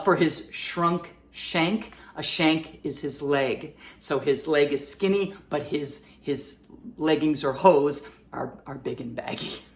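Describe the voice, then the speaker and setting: Low-voiced teacher leading a verse lesson. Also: female voice. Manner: explains plainly, then speaks verse lines slowly for repeating. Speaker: arts teacher. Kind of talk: online lesson for children with recitation.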